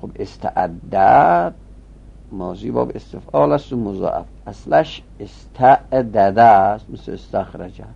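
A man teaching a grammar lesson, chanting verb conjugations in a rising sing-song and dropping to a low mutter when he explains. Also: expressive, creaky, breathy edge. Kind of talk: recorded Arabic grammar lesson. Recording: muffled low-fidelity recording.

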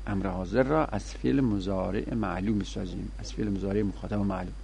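A man's voice: low voice, steady tone, vocal fry, mellow, a little hiss or hum. A man teaching a grammar lesson, reciting verb conjugations in a sing-song chant and explaining the rules.

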